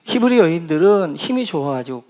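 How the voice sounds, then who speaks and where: A middle-aged man preaches from the pulpit of a church in a slightly high voice. He keeps asking the congregation questions and answering them himself, and he leads them through scripture read together aloud. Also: big pitch swings, fairly quick, darkish tone. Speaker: pastor. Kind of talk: sermon. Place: church sanctuary.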